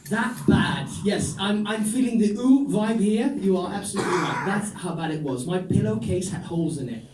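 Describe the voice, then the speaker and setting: A male stand-up comedian with a high voice delivers his set in dry, ironic stories with deadpan asides, at a moderate pace. The club is echoey, his voice sounds distant, and there's background noise.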